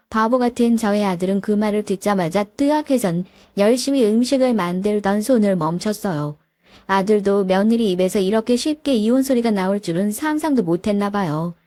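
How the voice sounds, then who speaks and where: A woman telling a scripted first-person family story in an even, confiding way. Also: mid-range voice, fairly quick, no echo. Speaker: narrator.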